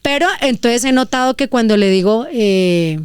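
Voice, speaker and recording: A woman in her forties with a Valle del Cauca Colombian accent, giving parenting advice in an animated, casual way. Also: fairly high pitch, moderate pace, clean tone, dry recording. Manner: animated, acts out examples in voices. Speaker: guest parenting expert.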